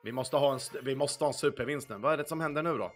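A man's voice: mid-range voice, a bit bright. A young man streaming casino games, chatting casually with his viewers, swearing often and humming along to the music. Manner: answers viewer chat as he plays. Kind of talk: casual livestream chat. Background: faint music.

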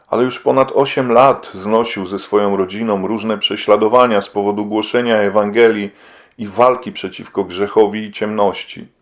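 A man narrating an audiobook with steady, measured reading. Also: lowish voice, dull audio. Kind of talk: scripted narration.

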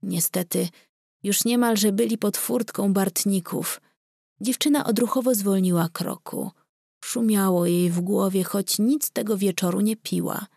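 A woman narrating an audiobook in a calm, measured, intimate way, recorded on a close studio mic. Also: medium pitch, creaky, no echo.

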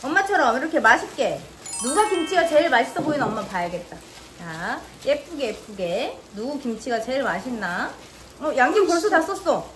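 Mom vlogger, high bright pitch, very animated, sing-song coaxing of children. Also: female voice, moderate pace, noisy background. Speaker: mother and vlog host. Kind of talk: casual instructions to children mixed with product narration.

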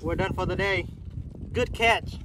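Man, 30s, fishing vlogger, high-ish voice, chatty and repetitive, outdoors on a windy lake. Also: measured pace. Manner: chatty, repeats himself, points things out as he works. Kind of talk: casual play-by-play narration. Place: canoe on an open lake, outdoors. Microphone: camera mounted on the canoe, a few feet away. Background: wind and lapping water.

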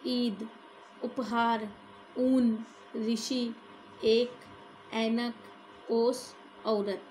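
A woman's voice: fairly high pitch, a little mellow, a little hiss or hum. A woman teaching a grammar lesson, explaining step by step and often checking in with her listeners.

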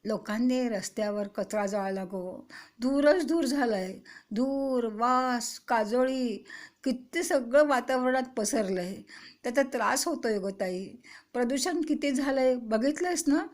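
Lady doing a hyped little kid telling a story, chatty, high voice. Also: measured pace, lightly acted. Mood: excited. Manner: lively, excited storytelling. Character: excited chatty young boy.

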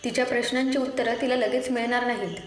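A woman reading an audio story in a steady, even voice. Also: a little high, fast talker. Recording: echoey room, faint noise.

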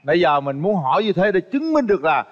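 A man hosting a matchmaking show, teasing the guests with quick probing questions. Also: sits high, big pitch swings, dull audio, slight background noise.

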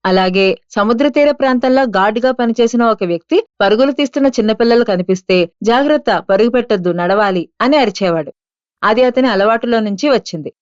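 A woman reading an audiobook aloud in a steady, measured manner. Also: fairly high pitch, smooth, dry recording, dull audio. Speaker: audiobook narrator. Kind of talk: scripted audiobook narration.

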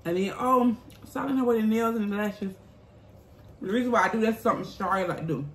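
Fast and medium-pitched, a woman in her thirties vlogs casually as a mukbang host, bluntly and emphatically sassing back at viewer comments. Faint background noise and a roomy echo come from the small, bare-walled room at home where she sits.

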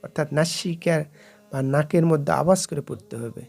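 A man teaching Quran recitation rules in a slow explanatory lesson, drawing out the Arabic examples. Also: a little high, vocal fry, a little mellow.

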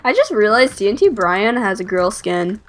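A woman's voice: medium pitch, big pitch swings. A teenage girl playing along in a gameplay video, bantering playfully with a friend. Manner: playful, quick-witted banter. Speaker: guest player. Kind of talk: casual gaming chat.

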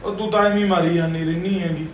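A soft-spoken husband with a high voice, played by a man, always trying to calm things down. The sound is roomy and distant, with faint background noise. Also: very fast, natural voice. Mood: placating. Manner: placating, calm. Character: mild young husband caught between wife and mother. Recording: echoey room from a far mic, faint noise.

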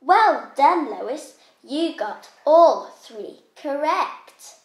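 Very slow, high-voiced woman playing a teacher. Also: sing-song. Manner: slow, clear and patient, with mock-strict outbursts. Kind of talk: playful scripted classroom skit for children. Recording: roomy echo.

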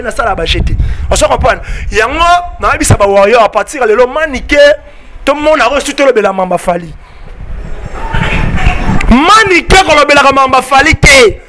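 A man's voice: extremely high pitch, pushed and bright. A Congolese man in his thirties with a Congolese French accent mixed with Lingala, speaking emphatically as a fan club spokesman into a handheld mic outdoors. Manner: emphatic, rapid French-Lingala mixing, repeats "on se comprend". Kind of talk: heated interview answers. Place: outdoor porch of a building. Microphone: handheld mic held by interviewer.

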